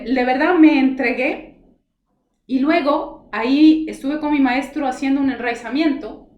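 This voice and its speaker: Woman, fairly high voice, heartfelt storytelling, acts out dialogue, echoey room. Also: highs cut off. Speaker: spiritual guide telling her story. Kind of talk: personal testimony in conversation. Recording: roomy echoey sound.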